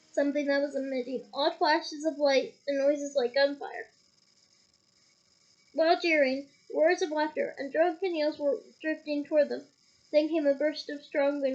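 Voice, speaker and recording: Woman reader, high voice, chatty asides, lo-fi home recording. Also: darkish tone. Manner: casual, stops to comment and laugh. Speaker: audiobook reader. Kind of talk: reading a novel aloud with asides.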